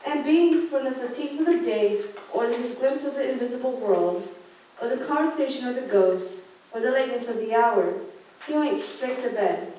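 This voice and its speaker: A teenage girl reads scripted storybook narration for a student radio play in a large indoor school theater classroom. Her fairly high voice is mellow and at normal speed. The mic is distant, the room echoes, and there's background noise.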